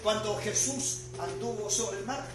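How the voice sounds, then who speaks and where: An older male pastor preaches with a strikingly high voice, rising to loud bursts and sinking to near-murmurs. He sounds distant from the mic in a heavily echoing church hall, with music playing underneath. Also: measured pace. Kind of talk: sermon. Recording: echoey hall from far off with music.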